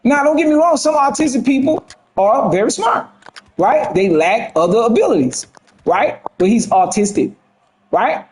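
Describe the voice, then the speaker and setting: Fired-up, high-voiced male gaming ranter. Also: big pitch swings, moderate pace, slight background noise, low-quality recording. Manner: profane, fired up, says he has a temper. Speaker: gaming commentator. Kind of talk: heated ranting commentary.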